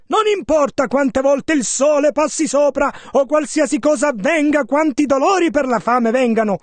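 A man voicing a translation of a sermon in measured, steady phrases. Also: very high-pitched, no room sound. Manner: steady, measured rendering of each passage. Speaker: sermon interpreter.

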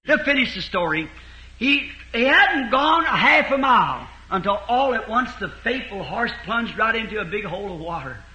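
Folksy high-voiced preacher telling a story. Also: male voice, big pitch swings, measured pace, bright, forceful tone. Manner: folksy, rambling retelling with repeated "he said". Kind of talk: sermon storytelling. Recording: roomy echo.

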